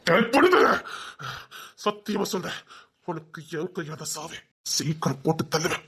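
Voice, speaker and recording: An actor playing a bitter, vengeful man who swears revenge in a TV serial, threatening, at times shouting and at times sobbing. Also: brisk, slightly rough. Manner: bitter, menacing, swings loud to low. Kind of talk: TV serial drama.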